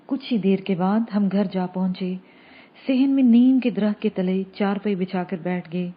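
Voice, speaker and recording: Husky woman narrating a novel. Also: mid-range voice, highs cut off. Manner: steady first-person storytelling. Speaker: audiobook narrator.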